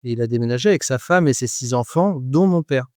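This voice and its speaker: A man's voice: mid-range voice, animated, fast, mellow, no echo, studio quality. A man in his forties, a guest on a podcast interview, speaking with frequent hesitations, fillers and restarts. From France. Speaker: guest, rum producer.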